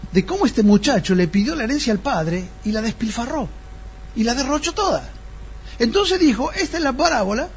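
A man's voice: sits high, husky. A man preaching a sermon as pastor, explaining a text and putting rhetorical questions to his congregation.

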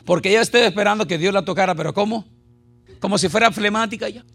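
Male pastor, raspy gravelly tone, preaching with rhetorical questions and humor to a church congregation. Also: high voice, quick pace, fairly bright tone. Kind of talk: Spanish-language sermon with call-and-response.

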